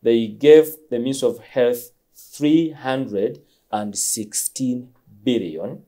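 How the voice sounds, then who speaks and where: Guy hosting an interview, pokes with questions, lots of uhs and mms, mellow tone. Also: medium pitch, slow. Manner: probing, hesitant with fillers, many "mm" backchannels. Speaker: interview host.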